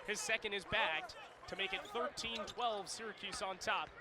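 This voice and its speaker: Bouncing basketballs and arena noise fill the background as a man with a high voice delivers radio play-by-play. His pace is normal, his phrasing clipped and descriptive, and he hypes the major plays.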